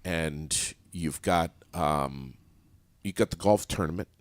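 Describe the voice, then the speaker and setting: A radio host with a slow bass voice runs a casual studio interview, keeping it loose and joking with some casual swearing. The recording is dry.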